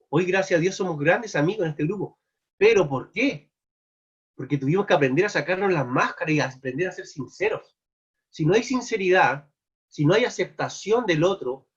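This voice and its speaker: Heard through dull lo-fi audio from an online meeting, a slightly high, slightly rough male voice with a Chilean Spanish accent delivers a sermon at a live virtual church gathering. He earnestly poses searching question after searching question to his listeners.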